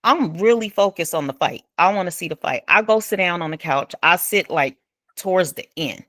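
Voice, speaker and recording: Animated woman telling a story. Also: normal speed, dry recording, studio quality. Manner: animated, acts out quoted speech with big pitch jumps; informal speech with dropped verb endings. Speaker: storyteller recounting an incident. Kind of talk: casual retelling.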